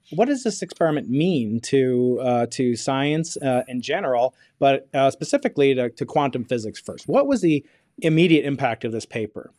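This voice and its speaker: A man's voice: mid-range voice, a little mellow, no echo, clean studio sound. A middle-aged man hosting a podcast interview, chatting loosely with lots of fillers and restarts. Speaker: podcast host. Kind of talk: casual interview chat.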